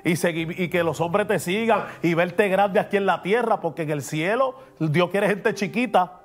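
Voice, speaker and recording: Pastor for a preaching podcast, high voice, emphatic, faint music underneath. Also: male voice, normal speed. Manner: emphatic and preachy, drops English words in. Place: podcast studio.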